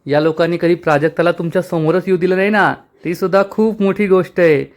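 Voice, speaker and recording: A man's voice: high-pitched, fairly even intonation, fast, close to an everyday voice. A man voicing a scheming young sister-in-law who talks in a wheedling, gossipy way.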